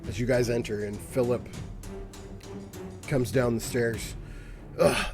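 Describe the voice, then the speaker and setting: A man narrating a tabletop fantasy game as game master, with measured, hesitant, descriptive phrasing. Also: medium pitch, fairly even intonation. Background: background music.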